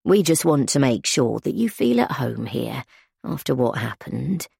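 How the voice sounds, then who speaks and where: A prim housekeeper speaks in measured, proper tones, firm but kindly, as a woman reader puts her on. The voice is low and dark. The recording is dry. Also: lively intonation, gravelly, slightly rough, no room sound, heavily acted. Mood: firm, sensible. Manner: proper, measured, gently corrective. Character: stern middle-aged housekeeper, prim and sensible.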